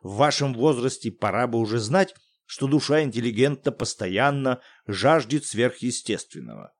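A man voicing an excitable middle-aged academic in an audiobook, theatrical and loud. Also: medium pitch, moderate pace. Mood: condescending. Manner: bellowing, theatrical, exclamatory.

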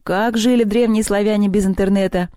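A storyteller reading the lines of a bossy, hot-tempered schoolboy who snaps and shouts at his friends. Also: medium pitch, a little fast, dry recording, studio quality, lightly acted. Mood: grumbling. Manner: curt, snapping, bursts into shouting.

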